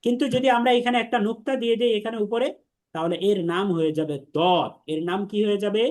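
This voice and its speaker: A man teaching an online class on Arabic letters, patiently repeating each letter sound slowly and leading the class in drills. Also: sits high, steady tone, darkish tone. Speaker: Quran teacher.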